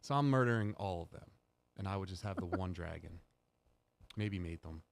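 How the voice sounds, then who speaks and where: A man's voice: low-pitched, normal speed, creaky. A man co-hosting a podcast, tossing in jokey, playful asides in casual chat. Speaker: podcast co-host.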